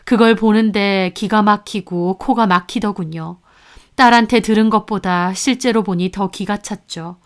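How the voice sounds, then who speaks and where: A woman narrating a first-person family story in a calm, confessional storytelling manner. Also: medium pitch, moderate pace.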